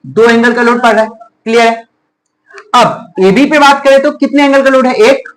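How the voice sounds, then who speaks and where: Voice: medium pitch, steady tone, normal speed, rough recording. Teacher drilling pupils with repeated questions. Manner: call-and-response questioning, repeats each answer back; addresses pupils as children and dear. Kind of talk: classroom math lesson.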